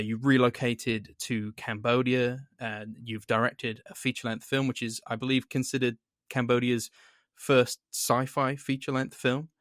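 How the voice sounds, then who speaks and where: A man's voice: mid-range voice, no room sound, clean studio sound. Man hosting a film podcast interview. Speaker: podcast host. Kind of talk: interview questions.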